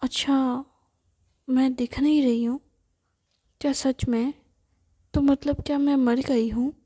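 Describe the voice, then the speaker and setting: A woman's voice: high-pitched, fairly even intonation, dark tone, heavily acted. Woman whispering as a chatty young ghost girl. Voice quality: breathy whisper. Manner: rapid questioning, insistent. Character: chatty curious young female ghost, self-admiring. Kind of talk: whispered role-play.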